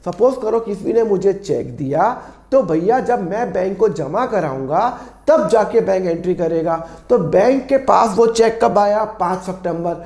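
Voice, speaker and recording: A man with a sore, hoarse throat teaching an accounts lesson, asking and answering his own questions and repeating key phrases. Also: high voice, animated, measured pace, a little mellow, roomy sound. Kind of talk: classroom-style lesson explanation.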